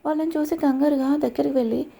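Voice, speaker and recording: A woman narrating a scripted love story in a steady, dramatic way. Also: sits high, quick pace, creaky, slight background noise.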